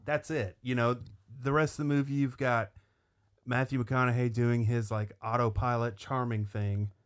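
A man's voice: mid-range voice, level tone, moderate pace. Sardonic swearing man ranting casually. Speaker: podcast co-host. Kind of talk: casual chat.

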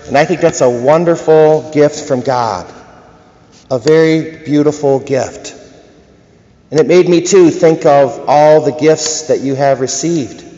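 Priest preaching in cathedral-like echo. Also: male voice, fairly high pitch, dark tone. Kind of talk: liturgical gospel reading and sermon. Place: large church, indoors. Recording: echoing church reverb, dull muffled sound.

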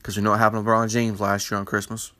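A man's voice: lowish voice, monotone, rapid-fire, bright, forceful tone, no echo. A man hosting a basketball news panel in casual commentary, with a congested morning voice from a sinus infection, rambling with many fillers. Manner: rambling, filler-heavy, opinionated.

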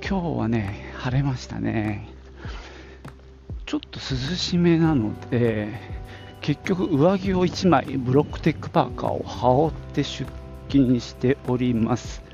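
Gravelly slow-talking man in his fifties. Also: medium pitch, animated, dark tone, soft background music. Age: 50s. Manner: chatty, rambling, many fillers. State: slightly out of breath from walking. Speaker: podcast host. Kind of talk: casual audio diary while walking. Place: outdoors on a street, walking to work. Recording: dull lo-fi outdoor recording with wind noise.

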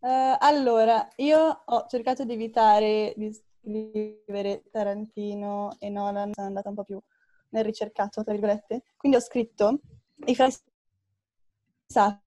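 A young woman chatting casually about her favourite directors, chatty and self-deprecating with quick asides. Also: mid-range voice, fairly even intonation, dark tone, soft background music. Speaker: podcast co-host. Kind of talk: casual film chat.

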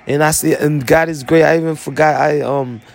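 A man's voice: fairly high pitch, fairly even intonation, normal speed, gravelly. A man, an army veteran, talking through his story in a rambling, profane monologue full of fillers.

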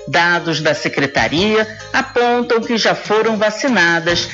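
A woman's voice: medium pitch, animated, unhurried, a bit bright, highs cut off, soft background music. A woman with a Brazilian accent reading a scripted news report as a reporter.

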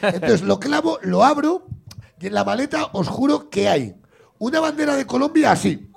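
A man with a gravelly, husky voice, telling a comic story in casual chat and acting out the voices in it. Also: very high-pitched, normal speed. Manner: animated, acts out voices in his anecdotes. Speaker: comedian host.

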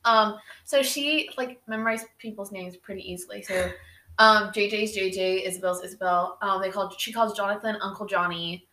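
A woman's voice: mid-range voice, normal speed, pushed and bright. A young adult woman hosting a podcast, telling a story in a casual, chatty way with lots of fillers. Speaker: podcast host. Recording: roomy echo.

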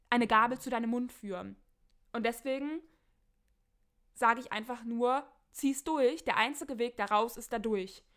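Woman, podcast host, fairly high voice, blunt, direct, emphatic, casual advice talk. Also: a bit bright. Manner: reads listener letters aloud. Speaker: podcast host answering listener questions.

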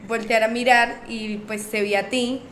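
A woman guest on a casual podcast, telling her side of a story in a relaxed, chatty way. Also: fairly high pitch, unhurried. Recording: echoey room, faint background noise.

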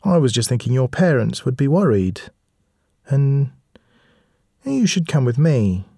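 A man's voice: medium pitch, very animated, measured pace, vocal fry, warm tone, breathy edge, no echo, studio quality, voice pushed up, exaggerated voice. A man voicing a sinister old woman in a cloak who scolds and threatens children. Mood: menacing. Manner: menacing, scolding.

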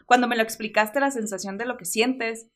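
A Mexican woman co-hosting a podcast in a casual, chatty way, with quick reactions, acting out the people she quotes. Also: a little high, a bit bright. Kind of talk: casual chat.

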